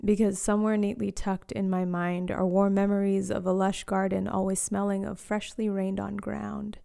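With a medium-pitched, level voice that is mellow and faintly gravelly, a late-twenties woman reads a personal story written in the first person. Her background spans birth in Eswatini to Zambian parents and an upbringing in South Africa, Australia and Canada. The scripted reading is slow, reflective and lyrical, quietly paced, with soft, hushed lines.

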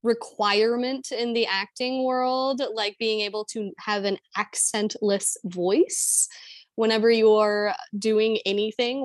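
Young woman, actor, casual fillers, mid-pitched, dry recording. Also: dry recording. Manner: chatty, many fillers like "um" and "like". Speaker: actor and guest. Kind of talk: casual interview chat.

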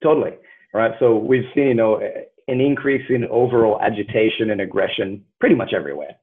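Male host, low and husky, earnest, filler-heavy, tinny phone-line sound. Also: a little fast. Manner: earnest, hedging with many fillers. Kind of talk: casual conversation.

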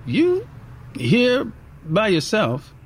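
Guy doing a bubbly diner waitress, faint southern twang, teasing, pitch jumps all over. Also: huge pitch swings, extremely slow, breathy edge, exaggerated voice. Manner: chatty, teasing, coaxing. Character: friendly young woman diner waitress, sparkling.

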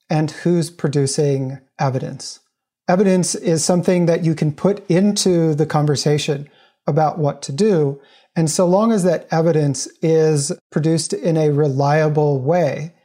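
An American man, a professor appearing as a guest, answers interview questions earnestly and explains at length. His voice is fairly high-pitched with a dark tone.

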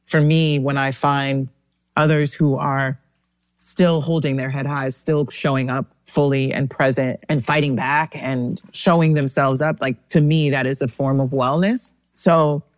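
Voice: mid-range voice, fairly even intonation, a little slow, no room sound. A podcast host asking reflective, searching questions in a conversational interview.

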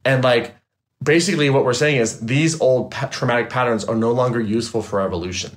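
Animated man talking trauma work. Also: medium pitch, fairly quick. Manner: animated, emphatic, loose and swearing. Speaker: trauma therapist, guest. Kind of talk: casual interview chat.

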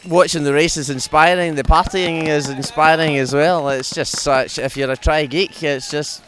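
A man's voice: fairly high pitch, fairly even intonation, normal speed, fairly bright tone. A man from New Zealand with a very broad Kiwi accent, chatting casually as an interviewed spectator outdoors. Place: outdoors at a triathlon. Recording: faint outdoor background noise.

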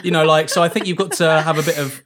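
A man's voice: a little high, steady tone, fast, noisy background. A man co-hosting a casual panel discussion, arguing his point confidently. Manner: argumentative, confident. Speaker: co-host.

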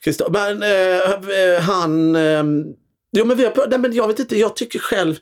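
A man, an actor and comedian, telling theater anecdotes in a loose, animated way, often restarting with hesitations. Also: sits high. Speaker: stage actor and comedian guest. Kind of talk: casual anecdotal storytelling.

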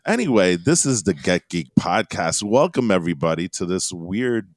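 A man in his thirties hosts a geeky podcast, rambling casually and laid-back with plenty of fillers. His voice sits low with lively intonation at a moderate pace, in a dry remote recording with no room sound.

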